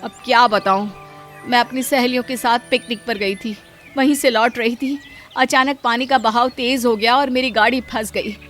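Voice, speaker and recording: A woman's voice: a little high, fairly even intonation, moderate pace, a bit bright, faint music behind, close to an everyday voice. A woman voicing a stern, commanding wealthy mistress of the house in a cartoon story. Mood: remorseful. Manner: scolding, commanding.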